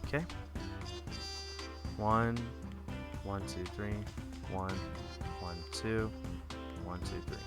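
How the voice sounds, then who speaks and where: A man's voice: on the low side, steady tone, very slow, long pauses. A man giving casual live commentary on a game stream, thinking aloud and muttering as he works. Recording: loud game music behind.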